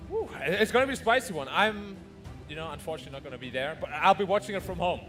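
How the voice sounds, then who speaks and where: A man's voice: high-pitched, lively intonation, quick pace. A man co-casting a live esports match, giving conversational analysis of the play. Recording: clear music behind the voice. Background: music.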